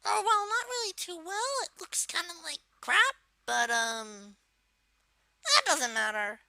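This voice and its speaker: A person voicing a bratty male cartoon Koopa creature, giving a casual, unscripted software tutorial in a halting, self-correcting way. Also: very high-pitched, very animated, dry recording, full character voice. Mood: explaining, halting. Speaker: tutorial host.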